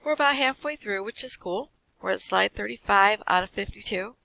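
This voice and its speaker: Fast-talking male accounting lecturer, gravelly. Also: high-pitched, pushed and bright, no room sound, poor audio. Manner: quick, explanatory, with fillers. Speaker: accounting instructor. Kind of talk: recorded slide lecture.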